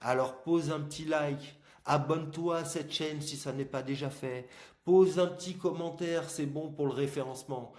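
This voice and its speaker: A man with a slightly high, steady, darkish voice talks at a moderate pace while hosting a casual explainer on online marketing. The room echoes, and his plastic aligners subtly affect his diction as he emphatically walks the viewer through examples.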